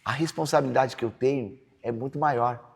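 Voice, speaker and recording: Gravelly Brazilian pastor giving testimony. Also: male voice, mid-range voice, normal speed. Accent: Brazilian Portuguese. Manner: earnest, preachy, acts out quoted dialogue. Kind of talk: personal testimony in a podcast interview.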